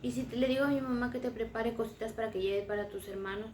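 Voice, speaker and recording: A woman's voice: on the high side, fast talker, a little mellow, a little hiss or hum, close to an everyday voice. A woman voicing a generous little boy with many presents, in a roomy, distant recording. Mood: kind.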